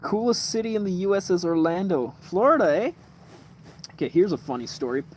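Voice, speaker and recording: A man in his twenties hosts a casual livestream at night in a room lit by a kerosene lamp, telling rambling stories full of swearing, fillers, and restarts. His voice is high-pitched and a little fast, with lively intonation. There's a little hiss or hum.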